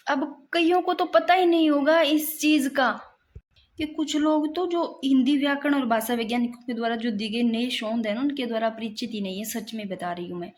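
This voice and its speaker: Young woman teacher explaining grammar, high voice, keeps saying look look, insistent. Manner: repeats "dekho" often, insistent and explanatory, writes while talking. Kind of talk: casual classroom explanation.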